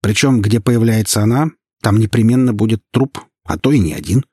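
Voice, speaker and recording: A man's voice: lowish voice, expressive, a little fast, warm tone, slightly rough, dry recording, studio quality. A man voicing a sly, sarcastic male detective who mocks and uses slang. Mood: mocking. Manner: mocking, slangy.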